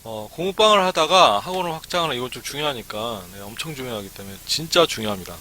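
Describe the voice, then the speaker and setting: Bright-voiced man giving a live lecture. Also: medium pitch, lively intonation, fast talker. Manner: chatty, frequent "ne" fillers. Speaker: academy startup consultant.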